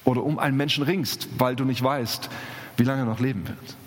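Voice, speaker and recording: A male pastor preaching a sermon with emphasis, repeating key phrases and slowing down on the important words. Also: medium pitch, steady tone, a little hiss or hum. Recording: long hall reverb.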